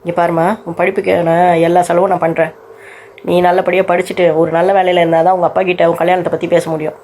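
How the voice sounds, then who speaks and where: A woman's voice: fairly low pitch, flat delivery, fast talker, a little mellow, slight background noise, natural voice. A woman voicing a kind, reassuring aunt in a cartoon story. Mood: soothing. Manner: soothing, reassuring.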